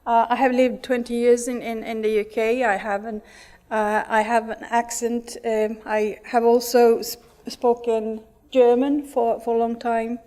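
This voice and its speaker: An earnest conference speaker, a middle-aged Finnish woman with Finnish and Swedish as native languages, addresses a conference hall in a Finnish accent, often restarting and using fillers. Her voice is rather high yet dark in tone, level and unhurried.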